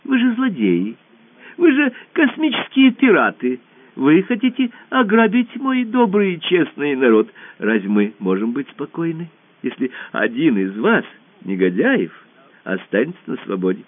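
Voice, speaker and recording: A man's voice: fairly high pitch, huge pitch swings, measured pace, no echo, pitched above the performer's own voice, exaggerated voice. A man voicing a cruel alien emperor who talks in a falsely sweet, coaxing way and now and then hisses threats. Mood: indignant. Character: sly cruel smooth-talking male alien emperor. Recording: tinny phone-like radio audio.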